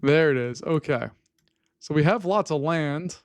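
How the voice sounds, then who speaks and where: A man's voice: a little high, measured pace, clean tone, dry recording. A man hosting a gameplay video, thinking aloud in casual commentary, wry and easily exasperated. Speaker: gaming host.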